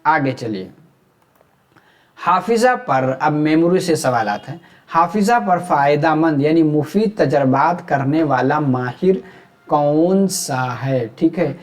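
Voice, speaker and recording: A man's voice: on the high side, lively intonation, slow. A man from India with a Hyderabadi Urdu accent, teaching an exam-prep lecture. He asks questions aloud and then answers them himself.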